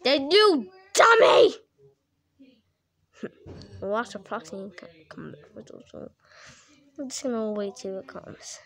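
A sly animatronic fox, as a woman puts him on, muttering his schemes in a hushed, sneaky tone. He is pitched well down from her usual voice, though it still sits high, with slow, drawn-out delivery in a homemade toy skit. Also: very animated, heavily acted. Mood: smug.

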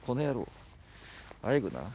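A man live-streams outdoors at night from a rural spot, chatting casually and teasing as he reads viewer comments aloud. His mid-range voice is very animated and mellow, at normal speed, with slight background noise.

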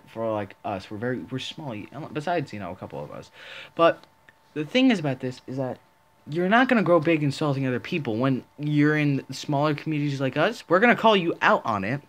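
A man's voice: mid-range voice, a bit bright. A man making a casual commentary video, rambling and indignant, often restarting his sentences. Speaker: small online video creator.

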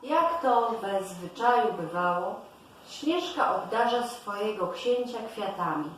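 Slow woman reading a fairy tale aloud. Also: medium pitch, animated, distant mic. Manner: slow, deliberate storytelling delivery. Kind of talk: storybook narration read aloud. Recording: very echoey room, voice from afar, faint hiss.

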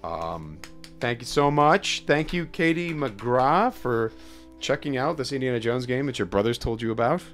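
A man hosting a live stream, playfully addressing his viewers as ladies and gentlemen in a casual sign-off chat. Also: medium pitch, animated, normal speed, faint music behind. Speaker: streamer host.

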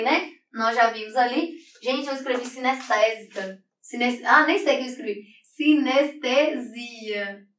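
A woman's voice: high-pitched, fairly bright tone. A woman teacher explaining figures of speech in an online exam-prep lesson, often checking in with the class by asking "right?". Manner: explanatory, tag questions "né?" constantly. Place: room, writing on a board. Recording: echoey room, distant mic.

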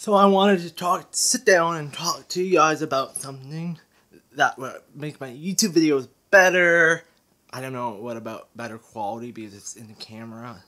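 A man talks to his viewers in a bright, forceful voice, wandering from point to point and restarting his sentences. He sounds a little out of breath, and the sound comes from a camera mic held in his hand. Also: fairly high pitch, moderate pace. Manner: rambling, hesitant, with restarts. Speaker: vlogger. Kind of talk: casual vlog talk to camera. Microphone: handheld camera mic.

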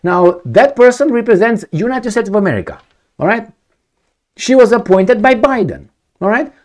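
Indoors in a bookshelf-lined home study, a middle-aged Romanian video commentator talks casually to camera, asking rhetorical questions and hammering his points through repetition. He speaks at normal speed in a high-pitched voice with big swings in pitch.

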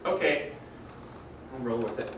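A man's voice: mid-range voice, a little slow, distant mic, a little hiss or hum. Man presenting in an echoey lecture room. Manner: relaxed, with dry jokes and frequent "uh" fillers. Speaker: doctoral candidate presenting his defense. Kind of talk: academic presentation.

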